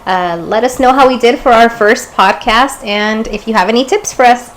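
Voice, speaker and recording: A young woman co-hosting a podcast, chatting casually and recalling memories with a giggly, animated manner. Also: on the high side, moderate pace, slight background noise, low-quality recording. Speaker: podcast co-host. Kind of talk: casual chat.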